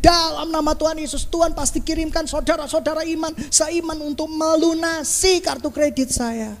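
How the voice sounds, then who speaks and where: A man's voice: very high-pitched, steady tone, moderate pace, long reverb tail, voice pushed up. A man preaching, voicing a presumptuous believer in credit card debt who insists others will pay it off. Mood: insistent.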